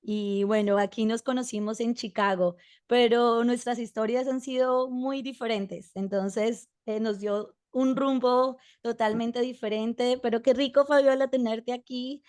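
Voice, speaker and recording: A woman's voice: fairly high pitch, fairly even intonation, measured pace, few pauses, a little mellow, smooth. A woman hosting a casual interview, asking questions and reacting eagerly to her guest. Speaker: podcast host.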